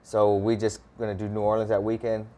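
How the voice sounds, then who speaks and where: A man's voice: fairly low pitch, monotone, a little fast, mellow. A man co-hosting a podcast, blunt and joking in casual chat about running events. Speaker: podcast co-host, event promoter.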